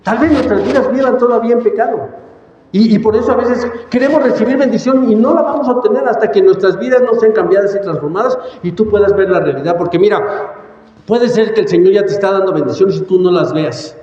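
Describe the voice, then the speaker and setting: A man's voice: high-pitched, fairly quick, darkish tone. A man preaching a sermon, emphatic and repeating words as he goes, recorded in a church hall. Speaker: pastor. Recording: echoey church hall, dull sound.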